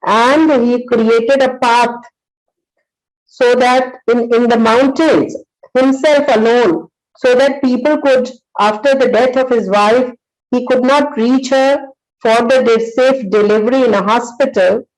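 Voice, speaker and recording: In this poorly recorded motivational talk, a woman psychologist in her sixties speaks with an Indian accent and a fairly high pitch. She tells her stories earnestly, pausing a lot and using plenty of fillers.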